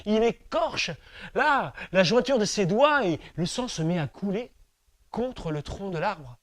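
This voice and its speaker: Slow, high-voiced French storyteller man. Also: lively intonation, a bit bright, dry recording, studio quality. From France. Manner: slow, rhythmic, with deliberate repetitions and pauses. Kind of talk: oral storytelling performance.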